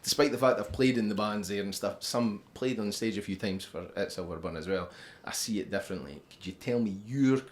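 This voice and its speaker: A man's voice: on the low side, fairly quick, few pauses. A man with a Scottish accent hosting a casual interview, talking in a rambling, roundabout way. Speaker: interviewer and festival organiser. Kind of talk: casual chat.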